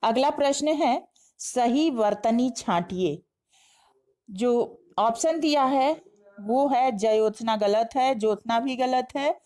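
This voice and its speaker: A woman's voice: fairly high pitch, takes it slowly, a little mellow, poor audio. A woman teaching an exam-prep lesson, methodically working through spelling questions and repeating each correct answer. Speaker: Hindi teacher.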